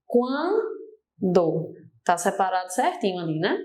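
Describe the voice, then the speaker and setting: A woman's voice: medium pitch, normal speed, a little mellow. A young adult woman with a Brazilian accent teaching a grammar lesson for exam prep, explaining step by step and often turning to her students. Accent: Brazilian Portuguese.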